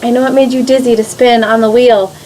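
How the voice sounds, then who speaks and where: A woman voicing a calm, patient old male master potter in a storybook reading, speaking softly and evenly. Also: fairly high pitch, a little fast, a little hiss or hum, natural voice, poor audio. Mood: gentle.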